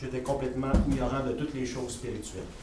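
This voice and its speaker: A man's voice: medium pitch, steady tone, fast talker. Québécois man interpreting live, echoey and distant. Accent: Québécois French. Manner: informal, with stops and self-corrections. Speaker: chaplain interpreting for a speaker. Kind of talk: live consecutive interpreting in informal French. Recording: distant mic in echoey room, faint noise.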